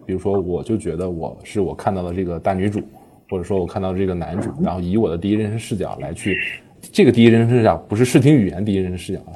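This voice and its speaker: A man's voice: low voice, dark tone, breathy edge. A man talking as a guest on a podcast panel, explaining how his platform runs its short dramas, with many fillers and self-corrections.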